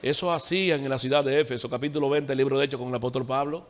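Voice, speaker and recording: A man preaching a sermon in a church, asking the congregation rhetorical questions in an animated way. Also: medium pitch, rapid-fire.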